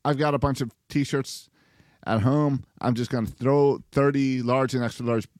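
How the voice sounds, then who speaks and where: A man co-hosting a sports podcast, chatting casually and telling stories in an animated way with quoted asides. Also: mid-range voice, normal speed, no room sound, studio quality. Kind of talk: casual baseball chat.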